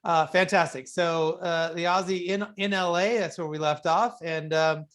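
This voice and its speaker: A man hosting an interview show in casual conversation, feeling his way haltingly through his questions. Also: on the high side, fairly even intonation, fairly bright tone. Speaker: radio show host and interviewer.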